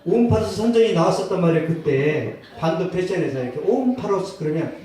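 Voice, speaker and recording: A male pastor preaching a sermon, telling a personal story with acted quotes and bursts of loud emphasis. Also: on the high side, expressive, fast, far from the mic. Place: church sanctuary. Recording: echoey church hall, mic from afar.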